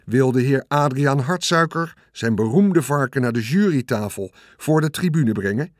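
A man voicing a formal male announcer at a fair in a storybook reading, speaking in a measured, announcing manner. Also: mid-range voice, no room sound, studio quality, lightly acted.

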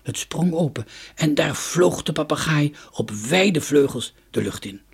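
Husky man reading a children's story. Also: on the high side, a little slow. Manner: expressive, varying loudness and pace.

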